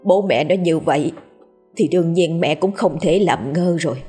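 A woman's voice: lowish voice, normal speed, warm tone, breathy edge, faint music behind. A woman doing a tearful old grandmother. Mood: resigned. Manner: tearful, imploring. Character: grieving old grandmother, frightened and pleading.

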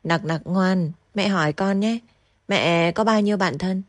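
Woman doing a sly teasing young woman, mocking then coaxing, low voice, dry sound. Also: a little slow, dry recording, close to an everyday voice. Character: sly, gleeful young woman taunting her captive.

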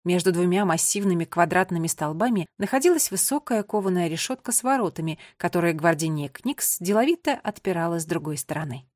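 A woman reading an audiobook in a measured, expressive storybook narration. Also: fairly low pitch, dry recording, studio quality.

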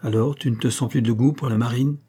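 A man voicing a kind invalid lady who speaks gently but firmly to her young servant, in a read-aloud novel. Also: mid-range voice, steady tone, quick pace, slightly rough, close to an everyday voice. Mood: gentle, firm. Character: kindly invalid lady, firm yet tender.

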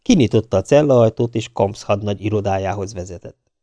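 Egy férfi, aki első személyben, élénk mesélő stílusban olvas fel egy hangoskönyvet. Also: male voice, lowish voice, warm tone, no echo. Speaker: audiobook narrator. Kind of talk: first-person audiobook narration.

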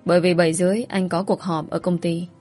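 A woman voicing a calm, matter-of-fact young husband in an audio story. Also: on the low side, fast, faint music behind, lightly acted.

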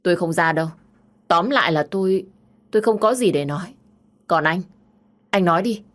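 A woman's voice: lowish voice, moderate pace, fairly bright tone, lightly acted. A woman voicing a tired young woman who answers in a restrained, drained way. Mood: curt, drained. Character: weary, wounded young woman, quietly defiant.

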